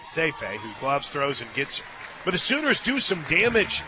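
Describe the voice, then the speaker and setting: An American radio play-by-play announcer calls a live game from a stadium booth, emphatic and full of folksy, conversational asides. His voice is on the high side and sing-song at normal speed, with a crowd making the background noisy.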